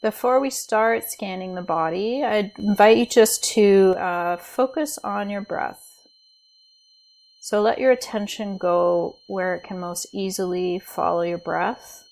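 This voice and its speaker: A woman teacher guides a body scan meditation, her mid-range, creaky voice gentle and soothing. She speaks unhurriedly and leaves pauses.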